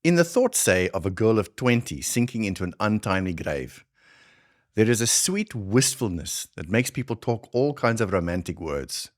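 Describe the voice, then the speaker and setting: An older Afrikaner man tells his tale in a heavy Afrikaans South African accent, as a man reads it aloud. His voice sits very low and he lays the story out slowly and deliberately. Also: big pitch swings. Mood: solemn, wry. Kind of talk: dramatic reading of a short story.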